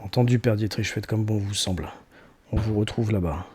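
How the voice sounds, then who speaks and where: A man's voice: lowish voice, normal speed, darkish tone, slight background noise, lightly acted. A man playing a weary, pragmatic escort captain in a tabletop fantasy game, resigned and matter-of-fact.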